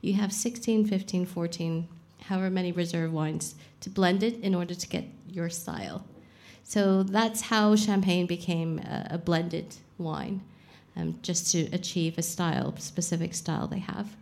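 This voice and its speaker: Young woman on a live podcast, lowish voice, explains stuff frank and casual, swears a bit. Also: fairly even intonation, a little slow, creaky, a little mellow. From Saudi Arabia. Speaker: champagne expert guest.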